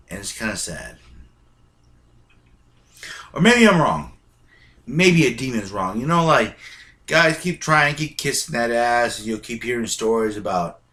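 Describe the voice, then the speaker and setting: A man's voice: on the low side, sharp tone. A man ranting bluntly to his viewers, swearing heavily and hammering his points with emphatic bursts. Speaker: vlogger. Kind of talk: profane ranting monologue.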